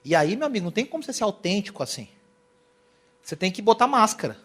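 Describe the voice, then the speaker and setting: A young man from Brazil giving a lively church lecture on worship, telling stories and acting out quotes. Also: sits high, fast, slightly rough. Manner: animated, storytelling, acts out quotes. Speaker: worship teacher. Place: church hall.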